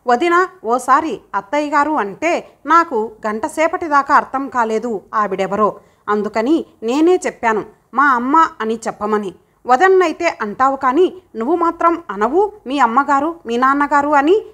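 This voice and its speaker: A woman's voice: high-pitched, lively intonation, measured pace, fairly bright tone. A woman voicing a teasing, blunt younger son in an audiobook. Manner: joking, blunt. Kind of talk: audiobook character voice.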